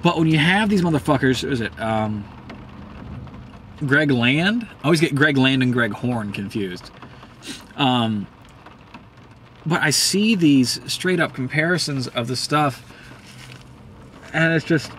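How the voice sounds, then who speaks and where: Profane ranting man, mid-pitched. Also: lively intonation, a little slow, long pauses, fairly bright tone, a little hiss or hum. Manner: profane, heated, rambling with many ums. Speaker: host. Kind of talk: casual ranting commentary.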